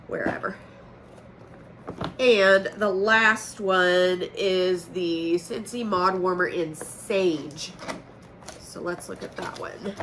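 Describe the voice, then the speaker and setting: In a casual home unboxing vlog, a chatty woman from Oklahoma, USA, a direct-sales consultant and channel host, talks in an upbeat, folksy way despite allergy congestion. Her pitch is medium. There's background noise, with a noisy air conditioner in the room.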